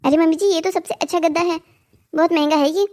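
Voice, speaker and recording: A woman's voice: very high-pitched, steady tone, fast, darkish tone. A voice actor playing a polite, nervous young bride in a cartoon story, eager to appease her mother-in-law. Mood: appeasing. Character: timid dutiful young bride.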